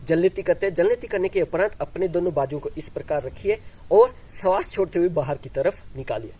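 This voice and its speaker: A man's voice: high-pitched, lively intonation, a little fast, dark tone, a little hiss or hum. A man teaching yoga and breathing exercises, explaining step by step with frequent restarts and demonstrating as he talks. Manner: demonstrates exercises while talking. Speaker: yoga instructor. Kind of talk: instructional demonstration.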